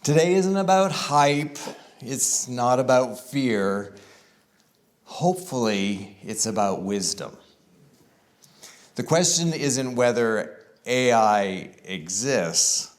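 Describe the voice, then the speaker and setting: A man speaking to a room of pastors at a conference, conversational and easygoing, leaning on words and slowing down for emphasis. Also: medium pitch, lively intonation. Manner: conversational, with varied emphasis and deliberate slow stretches. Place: conference room with live audience.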